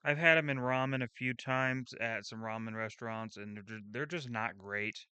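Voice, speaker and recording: A man's voice: medium pitch, moderate pace, pushed and bright, clear, resonant tone, no echo. A young man hosting his channel, reacting to a food video in casual, blunt commentary, swearing freely and thinking aloud with restarts.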